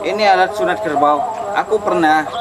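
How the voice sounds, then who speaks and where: Casting: blunt, dismissive man, slightly high voice, loud outdoor noise. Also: moderate pace. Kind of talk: amateur comedy skit acting.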